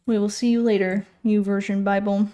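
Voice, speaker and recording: A woman's voice: medium pitch, flat delivery, brisk, dark tone, lo-fi sound. A woman streamer casually chatting while reading game patch notes, rambling and correcting herself as she goes. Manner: rambling, self-correcting, thinking aloud.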